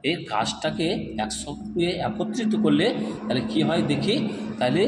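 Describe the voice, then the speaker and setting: A man's voice: fairly high pitch, background noise. A man teaching Quran letter reading, asking questions and answering them himself, drawing out the syllables in a sung way. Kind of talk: step-by-step recitation lesson. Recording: echoey room with long reverb.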